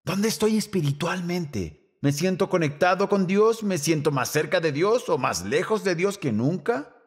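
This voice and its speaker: A man preaching a sermon to a church, animated, rising to shouts and dropping to a hush. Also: sits high, a little slow, breathy edge. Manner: lively preaching, shouting quoted lines and dropping to near whisper. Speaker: pastor.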